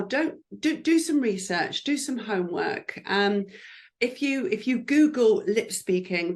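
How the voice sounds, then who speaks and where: A woman who works as a lip speaker, chatting in an encouraging way about the job in an interview, with frequent fillers. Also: mid-range voice. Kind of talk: careers advice interview.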